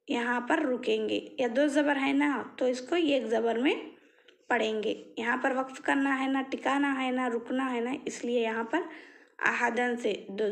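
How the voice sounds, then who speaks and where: A woman teacher speaking at a very unhurried pace with a fairly high voice. She poses questions to her class and answers them herself, drawing each example word out slowly. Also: gravelly. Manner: draws out example words very slowly. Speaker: Quran reading teacher. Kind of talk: slow step-by-step lesson.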